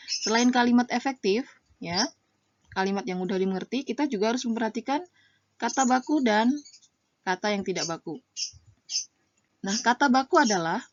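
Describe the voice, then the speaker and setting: A woman teacher explaining a lesson to her students in a patient, chatty way, often checking in with them and pausing on fillers. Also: mid-range voice, dry recording. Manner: patient, addresses students as friends, many fillers. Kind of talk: online class lesson. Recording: dull lo-fi audio.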